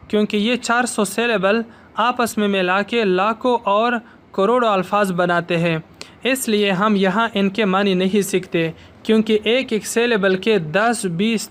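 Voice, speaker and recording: A man teaching a language lesson, slowly drilling pronunciation and saying each syllable twice before explaining the rules. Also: sits high, a bit bright. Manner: slow, deliberate, repeats each syllable twice.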